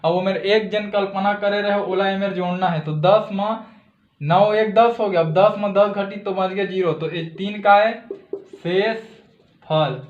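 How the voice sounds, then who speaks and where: High-voiced Chhattisgarhi man teaching math. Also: measured pace. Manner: steady step-by-step explaining, frequent "theek hai" checks. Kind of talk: math lesson walkthrough. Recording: echoey room, dull lo-fi audio.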